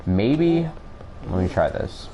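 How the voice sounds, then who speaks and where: A man's voice: fairly low pitch, very animated, takes it slowly, mellow, slight background noise, low-quality recording. A man giving casual video game commentary, rambling, sweary and thinking aloud as he plays. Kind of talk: casual let's play commentary. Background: music.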